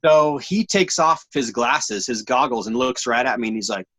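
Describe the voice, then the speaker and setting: A man in his forties telling his story as an interview guest, animated and slangy, rambling with lots of restarts. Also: mid-range voice, normal speed, no echo. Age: 40s.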